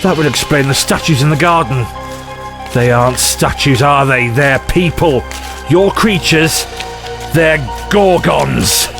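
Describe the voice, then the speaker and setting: A man acting in an audio drama as an eccentric, excitable time-travelling adventurer, theatrical and given to rambling digressions. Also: fairly high pitch, unhurried. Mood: panicked, urgent. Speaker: lead actor in an audio drama. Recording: music under the voice.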